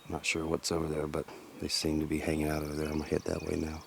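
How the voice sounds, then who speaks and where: A man's voice: monotone, very fast, creaky. A man filming his own hunt outdoors, talking plainly and casually to the camera, a little out of breath. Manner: plainspoken, low-key field talk, at times whispering. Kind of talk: casual outdoor vlog narration. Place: outdoors in hilly prairie woods. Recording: outdoor field recording with background noise.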